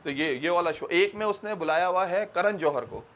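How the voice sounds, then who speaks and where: High, bright-voiced Pakistani teacher. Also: male voice, animated. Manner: quizzes students, mixes Urdu and English; slows and stretches English example sentences. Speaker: English teacher. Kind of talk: classroom grammar lecture. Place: classroom.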